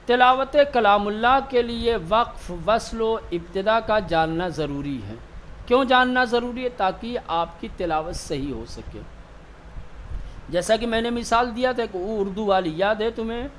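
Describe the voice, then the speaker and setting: A man teaching tajweed in a classroom, asking his students questions and answering them himself, slowing down to repeat key terms. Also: high voice, animated, fairly bright tone, a little hiss or hum. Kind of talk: classroom lecture.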